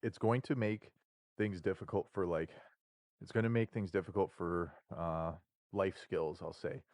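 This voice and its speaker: Deep-voiced laid-back young man. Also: fairly even intonation, normal speed, a little mellow, no echo. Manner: laid-back, rambling, swears casually. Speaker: podcast co-host. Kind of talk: casual chat.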